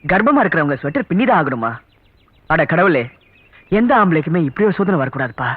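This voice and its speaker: An actor playing an exasperated young hero muttering to himself in a comic film with a tinny soundtrack. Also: male voice, a little high, very animated, quick pace, husky, no echo.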